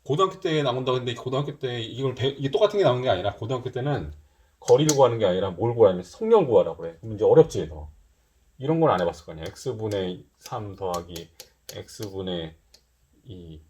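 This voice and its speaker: A man's voice: on the low side, animated, a little fast, a little mellow. A middle-aged man teaching a middle school math lesson in a casual style, thinking aloud and mixing polite and casual speech. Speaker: math tutor.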